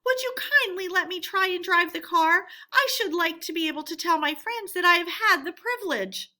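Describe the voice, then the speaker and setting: A woman's voice: extremely high pitch, lively intonation, moderate pace, bright, forceful tone, voice pushed up, full character voice. A woman voicing a conceited, reckless male toad in a storybook, with a theatrical manner that shifts between wheedling and boasting. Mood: politely wheedling.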